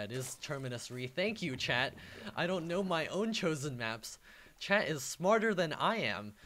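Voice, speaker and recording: A man's voice: medium pitch, a bit bright. A man casually commenting on a live strategy game match, rambling a little and chuckling at himself. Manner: rambling, self-deprecating, chuckles often. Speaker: game caster.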